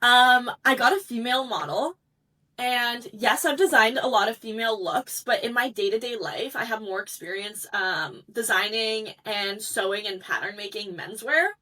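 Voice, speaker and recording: A young woman designer, a guest on an interview show, telling stories in a bubbly, animated way and acting out what people said. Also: fairly high pitch, normal speed, far from the mic. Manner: bubbly, animated storytelling, acts out quotes. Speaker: eliminated fashion designer guest. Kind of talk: casual interview chat.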